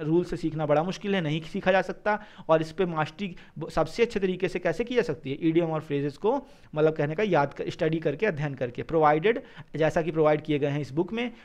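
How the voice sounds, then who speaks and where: A male teacher who explains exam answers, reading English sentences slowly and then explaining them quickly. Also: a little high. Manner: mixes English phrases into explanations, repeats "ठीक है".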